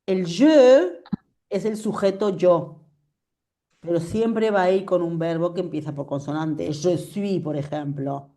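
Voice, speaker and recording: Patient woman teaching French, mellow voice. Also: lowish voice, steady tone, normal speed. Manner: patient, checks understanding often. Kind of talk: online class explanation. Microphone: video call.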